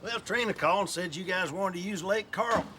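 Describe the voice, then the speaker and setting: A man's voice: sits high, brisk, noisy background. Cocky older father-in-law. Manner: cocky, needling, whiny. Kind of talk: sitcom acting. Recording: studio sitcom with audience laughter.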